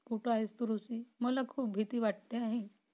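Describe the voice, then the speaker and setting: A woman's voice: on the high side, little pitch movement, moderate pace, mellow, close to an everyday voice. A woman voicing a frightened young woman held captive, tearful and pleading yet defiant, in a storybook reading.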